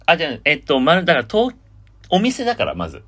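A man hosting a casual chat podcast, telling a story in an animated way and reading titles dramatically. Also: a little high, fast. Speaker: podcast host.

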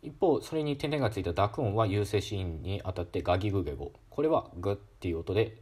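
A man giving a calm, casual educational talk on pronunciation, demonstrating sounds aloud with frequent fillers. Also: lowish voice, fast talker, slightly rough. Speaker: solo talk host explaining linguistics.

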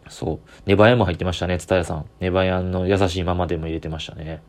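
A man's voice: deep voice, little pitch movement, rapid-fire. A man with a Kansai accent, chatting on his own as a comedian podcaster, rambling with easy enthusiasm. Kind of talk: solo casual chat.

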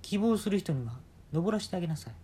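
A husky-voiced man voicing a bossy old man in work robes who turns out to be a talking fallen leaf, in a drawling old-fashioned way of speaking. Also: high-pitched, animated, fast, dark tone, voice pushed up.

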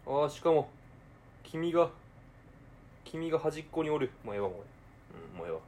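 A young man with a Kansai accent talking casually to himself while cooking, swinging between quiet mumbling and excited outbursts. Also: on the high side, fairly quick, a little hiss or hum. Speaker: podcaster.

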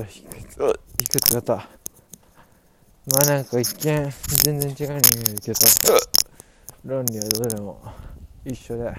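Very drunk young man rambling, noisy recording. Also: mid-range voice. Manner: halting drunken rambling, repeating and restarting words. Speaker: podcast host. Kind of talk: casual solo podcast monologue. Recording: clearly noisy recording with clicks.

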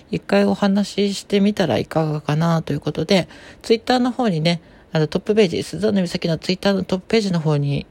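Woman voice trainer hosting a solo podcast, low-pitched, calm and explanatory. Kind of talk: casual solo podcast talk.

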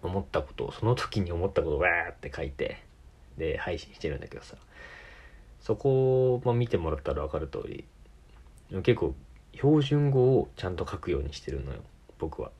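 A man from Tokyo, speaking with a Tokyo Japanese accent, rambles casually through a solo episode of his own podcast. His voice sits low and is husky and a little mellow, with a sing-song lilt at normal speed. He often corrects himself and laughs.

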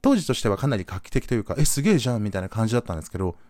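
A man from Gunma hosting a podcast, telling a story in a casual, animated way and acting out the voices of the people in it. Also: on the low side, racing, no room sound, studio quality. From Gunma, Japan. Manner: animated, acts out quoted voices. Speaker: podcast host.

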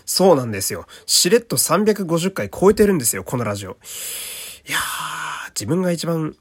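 Lively-pitched chatty male voice actor. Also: moderate pace, slightly rough. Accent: put-on Kansai dialect mixed with standard Japanese. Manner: chatty, self-deprecating, laughs often, reads listener letters aloud. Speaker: voice actor hosting a solo talk radio show. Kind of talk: casual solo talk radio chat.

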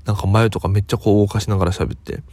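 Groggy low-voiced man, just woken up. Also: rapid-fire, no echo. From Okinawa, Japan. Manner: relaxed rambling storytelling, quoting others as he goes. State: just woken up, voice lower than usual. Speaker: comedian. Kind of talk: casual solo talk.

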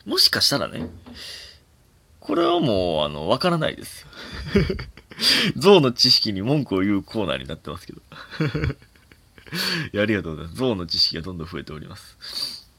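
A man with a Kansai accent hosting a casual solo comedy podcast, reading listener mail, chuckling often and getting animated when he rants. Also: lowish voice, brisk, creaky, long pauses, husky.

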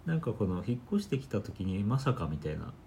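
A man co-hosting a casual podcast chat, calmly explaining and sounding out word accents. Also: lowish voice, fairly quick, creaky, slight background noise. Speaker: podcast co-host.

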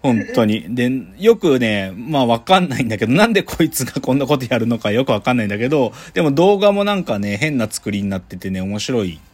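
Rambling, lively male radio host. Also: medium pitch, fast talker, few pauses, breathy edge. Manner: rambling, lively, colloquial with many fillers. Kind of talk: casual radio chat.

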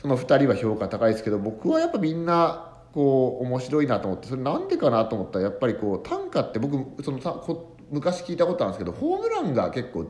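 A man's voice: mid-range voice, wildly swooping pitch, fast talker, darkish tone. A man hosting a casual solo podcast, telling a rambling story with many fillers. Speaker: podcast host, comedian and tanka poet.

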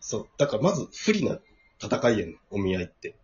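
Brisk Kansai man, self-deprecating. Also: fairly low pitch, very animated. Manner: self-deprecating, riffs into goofy bits. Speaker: podcast host. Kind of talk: casual comedy chat. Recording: muffled lo-fi podcast audio.

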